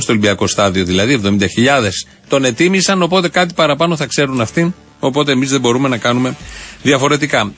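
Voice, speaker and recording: A man presenting satirical radio comedy in a deadpan, ironic, mock-serious tone. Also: mid-range voice.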